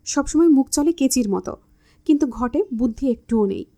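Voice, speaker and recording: A woman's voice: sits high, lively intonation, normal speed, warm tone. A woman voicing a teasing, bossy young man in love, with a smug manner.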